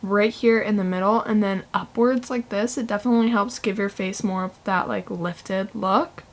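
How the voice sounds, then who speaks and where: Chatty young woman vlogger. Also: mid-range voice. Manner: chatty, filler-heavy, breezy. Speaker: beauty vlogger. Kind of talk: casual makeup tutorial chat.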